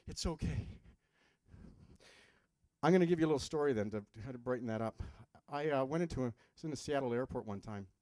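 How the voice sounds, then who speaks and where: Man, health seminar speaker, conversational, quizzes the audience, mid pitch, dry sound. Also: lively intonation, racing, hardly any pauses, darkish tone, no room sound. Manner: conversational, asks the audience questions, drops jokes. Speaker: health practitioner giving a seminar. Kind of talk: live seminar talk to an audience.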